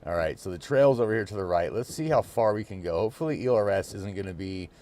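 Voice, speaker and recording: A man giving casual, excited commentary as he drives, with slangy, swear-filled talk. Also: lowish voice, fast. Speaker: FPV RC car video creator.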